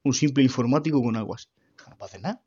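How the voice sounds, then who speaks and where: A man giving an earnest, halting personal faith testimony about caring for his dying mother. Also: mid-range voice, animated, dark tone, breathy edge, muffled recording. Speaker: grieving son giving testimony.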